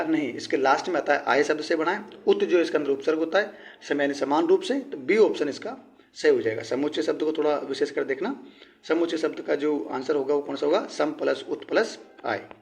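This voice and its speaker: A young man with a fairly high voice takes students through grammar questions one by one. He asks each question aloud and then answers it himself. His voice sinks low and soft as each answer lands. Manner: explains step by step, repeats answers, asks and answers his own questions; drops low and quiet at the end of each answer. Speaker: teacher. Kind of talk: exam-prep Hindi grammar lesson.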